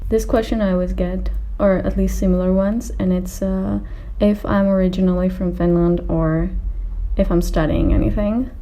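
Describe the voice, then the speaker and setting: A woman in her twenties from Austria and Greece answers viewer questions as a video creator, chatting casually to camera in a rambling, slightly hesitant, informal way. Her warm voice is on the low side with fairly even intonation and normal speed, captured in a low-quality recording.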